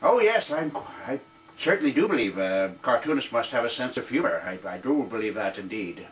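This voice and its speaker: Man playing a halting veteran cartoonist, distant mic. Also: mid-range voice, sing-song, natural voice. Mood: proud, rambling. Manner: halting, doddering, self-correcting. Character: rambling, proud, awkward veteran newspaper cartoonist. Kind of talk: mock newsreel interview. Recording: distant, faintly noisy interview recording.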